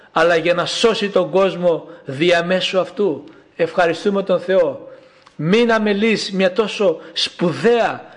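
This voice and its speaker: A man preaching a sermon in a slow, emphatic way, repeating his calls. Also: sits high.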